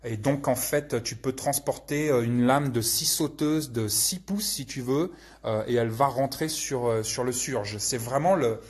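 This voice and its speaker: A man's voice: medium pitch, unhurried, husky. A man hosting a casual live question-and-answer session, rambling with many hesitations and crude slang. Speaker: channel host answering viewer questions.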